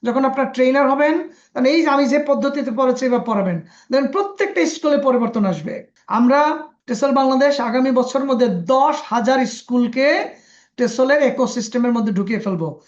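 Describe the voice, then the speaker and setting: A woman with a Bangladeshi Bengali accent teaching a phonics class over a video call. She drills sounds slowly and coaxes the class with a self-assured tone. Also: sits high, animated, a little mellow. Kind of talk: online pronunciation class. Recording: echoey, dull lo-fi webinar audio.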